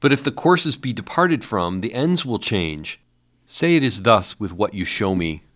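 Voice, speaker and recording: A man's voice: lowish voice, animated, measured pace, a bit bright, voice pushed up. A man voicing a frightened old male miser who begs a ghost in earnest, old-fashioned speech, his voice strained and rising to anguished cries. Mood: anxious. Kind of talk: audiobook character voice.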